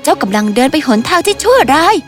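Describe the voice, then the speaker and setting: Woman voicing a stern fairy judge, high and solemn. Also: very animated, faint music behind. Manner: solemn, pronouncing judgment slowly.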